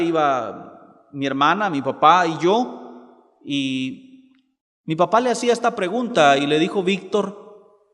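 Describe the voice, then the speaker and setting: A man preaching a sermon, slowing down to quote scripture dramatically. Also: sits high, fairly bright tone, in a large hall. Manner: preaching with dramatic slow quotations.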